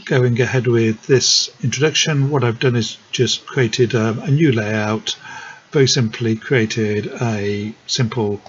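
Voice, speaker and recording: Male tutorial presenter, unscripted and halting, mid-pitched, dull recording with light background noise. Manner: hesitant, many ums and restarts, friendly. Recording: dull lo-fi sound with faint noise.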